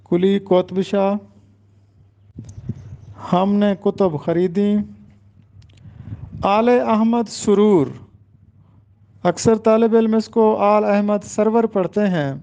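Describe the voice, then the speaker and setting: A man teaching students in a lecture, slowly and carefully spelling out the right pronunciation of names. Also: high voice, mellow, clear, resonant tone, lo-fi sound. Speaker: Urdu teacher. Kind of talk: exam-prep lecture.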